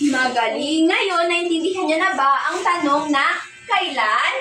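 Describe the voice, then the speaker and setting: A woman's voice: high voice, expressive, unhurried, pushed and bright, soft background music. A young woman teaching a class in a sing-song way, praising and quizzing pupils as she reads a fable. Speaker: student teacher giving a demo lesson. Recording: echoey room, far from the mic.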